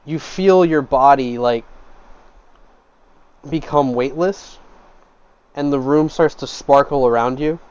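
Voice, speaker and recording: A man's voice: mid-range voice, slow pace, pauses often, a little mellow, clear, resonant tone, no room sound, dull audio. A man narrating a tabletop game as game master, describing scenes at length with frequent fillers.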